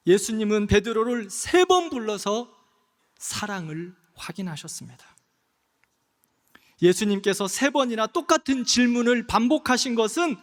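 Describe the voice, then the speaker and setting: High-voiced pastor preaching in a reverberant hall. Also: male voice. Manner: impassioned, swings between soft and loud, slows on key phrases. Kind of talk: sermon. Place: church sanctuary.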